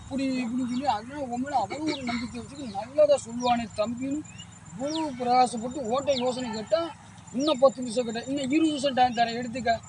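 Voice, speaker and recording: A high-pitched, irritable man, played by an actor, scolds and berates his slow-witted helper. He sounds exasperated and talks down to him. The recording is made outdoors, with rural noise clearly audible behind him. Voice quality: scolding, exasperated elder-brother manner. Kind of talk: web series comedy acting.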